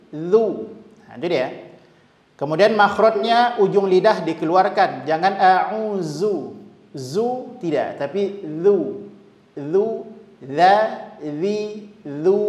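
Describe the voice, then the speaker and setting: Male recitation teacher, unhurried, drills syllables one by one, reverberant room. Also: high voice. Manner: slow, repeats syllables to demonstrate pronunciation. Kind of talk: tajweed lesson with recited examples. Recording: echoey room with long reverb.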